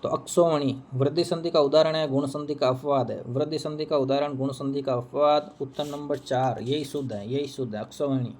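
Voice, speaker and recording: A man's voice: mid-range voice, fairly even intonation, brisk, few pauses, a little mellow. A man teaching Hindi, walking through an exam answer key, who repeats each answer and asks and answers his own questions.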